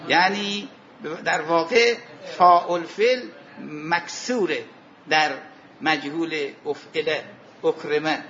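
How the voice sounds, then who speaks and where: Man lecturing a seminary class, high voice, questions to students, slow verse recitation, dull lo-fi classroom recording. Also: a bit bright, slight background noise. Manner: explanatory, poses questions to students and answers them; recites Arabic verses slowly. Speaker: religious studies teacher. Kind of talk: seminary lecture on Arabic grammar and scripture.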